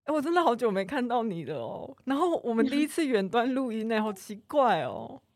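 A woman's voice: fairly high pitch, very animated, brisk, dry recording, clean studio sound. Masked Taiwanese woman chatting on a podcast. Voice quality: muffled by a face mask. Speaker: podcast co-host. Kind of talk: casual podcast chat.

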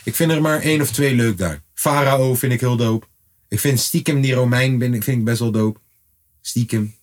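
Husky-voiced man in slangy podcast chat. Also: moderate pace. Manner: slangy, animated, bursts into high-pitched exclamations. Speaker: podcast co-host; father. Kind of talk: casual chat.

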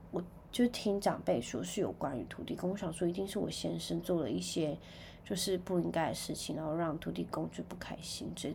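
A young woman with a Taiwanese Mandarin accent hosts a podcast, telling stories in a chatty way with sudden loud outbursts. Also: on the low side, slight background noise. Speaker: podcast host. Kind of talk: casual chat.

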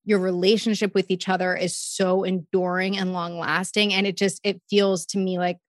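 A woman's voice: lowish voice, level tone, normal speed, dry recording, clean studio sound. A woman co-hosting a podcast, talking earnestly and enthusiastically in casual chat. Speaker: podcast co-host.

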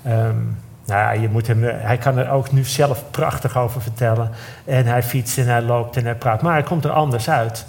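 A man on a theatre stage telling a personal story in an emotional, halting way, often breaking off and starting again. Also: mid-range voice, steady tone, darkish tone. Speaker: guest storyteller. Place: theatre stage before a live audience.

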